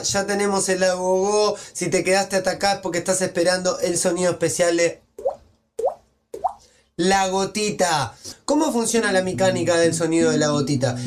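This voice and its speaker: A man teaching body percussion, explaining each step clearly in a tutorial. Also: high-pitched, moderate pace, noisy background. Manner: clear step-by-step explaining, vocalizing rhythm syllables. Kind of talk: instructional tutorial.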